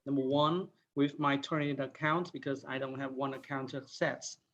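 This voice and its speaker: A man's voice: mid-range voice, steady tone, moderate pace, fairly bright tone, lo-fi sound, a little hiss or hum. A man from Vietnam with a Vietnamese accent, asking polite, hesitant questions in an online meeting with many fillers. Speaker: conference participant.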